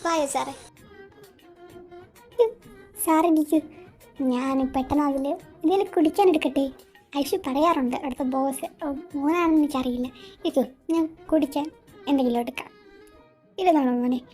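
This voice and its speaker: A woman's voice: sits high, brisk, soft background music, voice pushed up, close to an everyday voice. A woman voicing a kind middle-aged mother who fusses over a guest in an amateur audio drama. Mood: welcoming. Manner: warm fussing hostess, soft and chatty.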